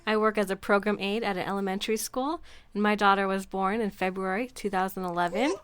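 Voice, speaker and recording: Woman, 20s, panelist, clear voice, matter-of-fact. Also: medium pitch, steady tone, fast talker, fairly bright tone, no echo.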